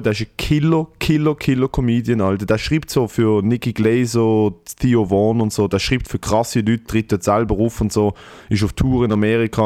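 Raspy, congested Swiss German man, dry sound. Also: on the low side, a little mellow, no room sound. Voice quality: smoker's rasp. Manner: slangy, swearing, emphatic. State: congested with phlegm. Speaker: comedian and podcast host. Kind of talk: casual podcast banter.

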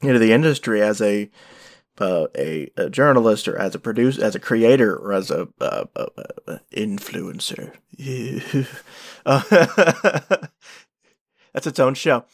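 A man's voice: lowish voice, big pitch swings, no echo, clean studio sound. A man co-hosting a podcast, talking casually with lots of restarts, stammered fillers and small laughs. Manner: halting, many restarts and "uh"s, laughs a lot. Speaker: podcast co-host. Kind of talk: casual chat.

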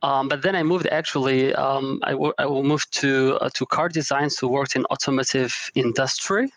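A man from Morocco answers podcast questions with many pauses and "um"s. His mid-range voice sounds close and dry, with no room echo. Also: medium pitch, steady tone, a bit bright. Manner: hesitant, many "um" fillers and restarts. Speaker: guest, travel startup co-founder. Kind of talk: casual interview conversation.

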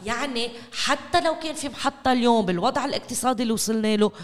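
A woman with a Lebanese Arabic accent talks quickly in an interview discussion. She stresses her points by repeating words. The recording carries the long reverb of a hall. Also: on the high side. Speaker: interview guest, local development expert. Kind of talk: animated discussion.

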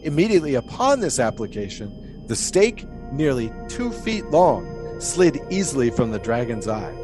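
In an audio drama, a man plays an eccentric, devout 1920s pole-sitter, musing solemnly in folksy, old-fashioned storytelling phrases. His mid-range voice is sing-song at a normal pace, lightly acted, with music in the background.

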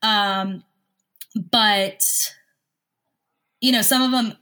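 A woman chatting casually and analytically about sports as a host, with a smoker's cough and frequent throat clearing. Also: mid-range voice, steady tone, very slow, bright, forceful tone. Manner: analytical, recites player statistics. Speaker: sports talk show host.

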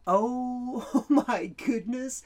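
A woman reading a children's story aloud in an animated way, laughing often and dropping to whispers. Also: a little high, very slow.

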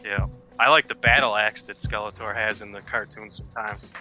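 A man's voice: lowish voice, fairly even intonation, fairly quick, music in the background. A man as a podcast guest, chatting casually like a fan reminiscing.

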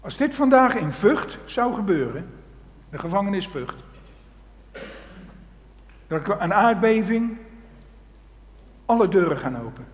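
Preacher in an echoing hall. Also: male voice, sits high, takes it slowly, long pauses. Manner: animated storytelling, swings from loud to hushed. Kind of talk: sermon. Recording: long hall reverb.

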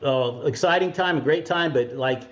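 A man hosting a podcast interview, talking in an earnest, halting way with many restarts. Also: fairly high pitch, a bit bright, lo-fi sound. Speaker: podcast host. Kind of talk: casual interview.

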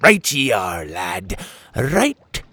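A man voicing a boastful male pelican pirate captain with swaggering pirate talk and drawn-out words. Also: lowish voice, huge pitch swings, pushed and bright, breathy edge, no room sound, exaggerated voice.

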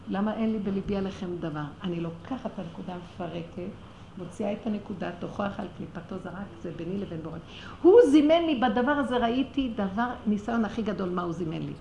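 A woman telling a personal religious story with passion, her voice rising to near-shouting when she is stirred. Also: medium pitch, vocal fry, muffled recording. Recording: roomy echo with faint ambient noise.

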